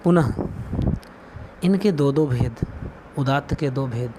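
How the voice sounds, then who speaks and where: A man's voice: mid-range voice, takes it slowly. A man giving a spoken video lesson on Sanskrit, explaining patiently step by step and counting aloud. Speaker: Sanskrit teacher. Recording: clear background noise with clicks.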